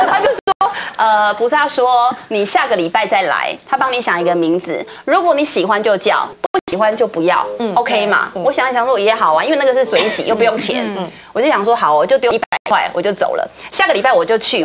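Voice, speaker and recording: Fast-talking animated woman telling a story. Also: a little high, background noise. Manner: lively, acts out others' lines, laughs often. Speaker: guest on a talk show.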